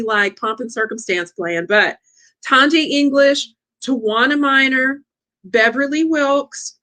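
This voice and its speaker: Excited chatty woman hosting a livestream. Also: high voice. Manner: excitable, chatty, addresses audience as y'all. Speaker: livestream host and coach. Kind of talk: lively casual livestream hosting.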